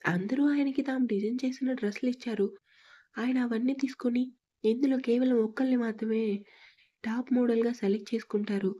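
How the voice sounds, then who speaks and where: A woman narrating an audio story in a steady, even reading style. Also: fairly high pitch, brisk, lo-fi sound.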